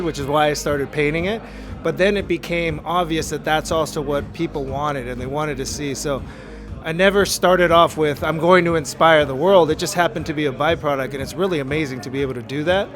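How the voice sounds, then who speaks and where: Earnest man with a slightly raised voice. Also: on the high side. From Los Angeles. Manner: earnest, motivational. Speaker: artist interviewed. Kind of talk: reflective interview talk. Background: music.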